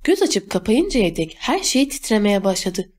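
A woman narrating an audiobook in a steady, scripted storytelling read. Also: medium pitch, moderate pace.

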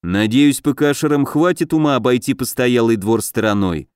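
A man reading a fantasy audiobook in a steady, even storytelling manner. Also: medium pitch, moderate pace, clean tone, no echo, clean studio sound. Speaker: audiobook narrator. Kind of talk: scripted narration.

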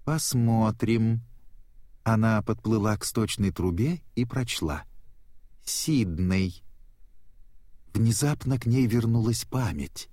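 A man narrating a children's storybook in a steady, expressive way. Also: lowish voice, moderate pace, hardly any pauses, no room sound, studio quality.

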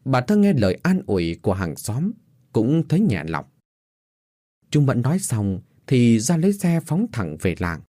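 A man narrating a dramatic story in an expressive, scripted way. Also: mid-range voice, normal speed, no room sound, clean studio sound.

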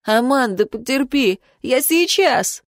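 An eager young male student reassures and hurries others along, read by a woman. He speaks in her own slightly raised voice, with no deepening. The sound is dry and close to the mic. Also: animated, slow pace, dry recording, full character voice. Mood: urgent.

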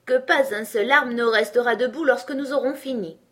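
A woman voicing Bonnet Blanc, a boastful, quarrelsome twin brother in a storybook, with a loud blustering manner. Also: on the high side, normal speed, voice pushed up, lightly acted.

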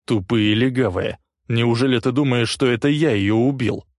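A man voicing an angry, defiant male suspect who talks in a gruff, barking way. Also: mid-range voice, slow pace, no room sound, clean studio sound, voice pushed up.

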